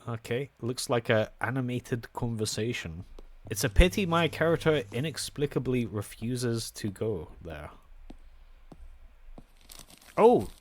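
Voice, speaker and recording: A man's voice: medium pitch, expressive, normal speed, dry recording. Sarcastic man reviewing a horror game. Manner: sarcastic, exasperated. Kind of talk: gameplay commentary.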